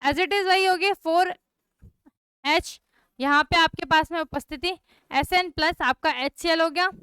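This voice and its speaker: A woman's voice: very high-pitched, a little slow, fairly bright tone, no room sound, studio quality. A young woman teaching a chemistry class online, often checking that students have understood. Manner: repeats checks like "clear?" and "okay" to students.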